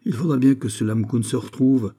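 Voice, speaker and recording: A man's voice: medium pitch, fairly quick, mellow, close to an everyday voice. A man reading an audiobook, voicing an agitated police chief giving an urgent report. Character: agitated middle-aged male police chief. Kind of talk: audiobook character voice.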